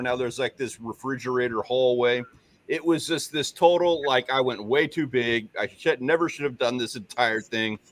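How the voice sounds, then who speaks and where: A man with a medium-pitched, slightly bright voice co-hosts a laid-back fishing livestream from his home on Padre Island. He rambles, pokes fun at himself, and greets viewers by name.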